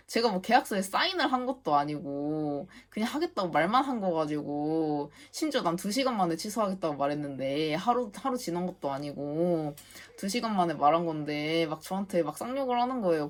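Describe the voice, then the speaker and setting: Low-voiced young woman ranting indignantly. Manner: indignant, ranting, swears when retelling; chatty, heavy use of fillers. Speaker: vlogger. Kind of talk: casual storytelling voice-over.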